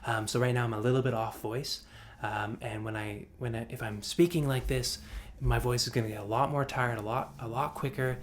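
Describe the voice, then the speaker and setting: This vocal coach speaks briskly in a steady, fairly bright mid-range voice while teaching breath support in an online singing workshop. His explanations ramble and restart repeatedly, punctuated by demonstrated sighs and sung examples. The video call picks up a little hiss or hum.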